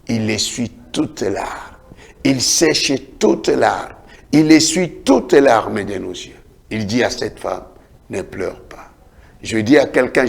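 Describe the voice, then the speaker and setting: A man preaching a sermon as a prophet, declaiming in a repetitive cadence and swinging from loud calls to hushed lines. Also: medium pitch, gravelly. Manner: dramatic preaching with big swings between shouts and hushed lines.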